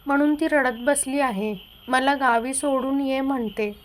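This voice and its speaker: A woman's voice: high-pitched, a little slow, slight background noise. A woman voicing an angry young husband who accuses his wife in a read-aloud story.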